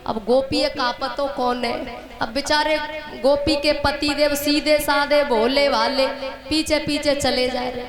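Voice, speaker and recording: A woman religious storyteller, telling a devotional story in an animated, dramatic way. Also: high voice, takes it slowly. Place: religious gathering. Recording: live gathering with crowd noise.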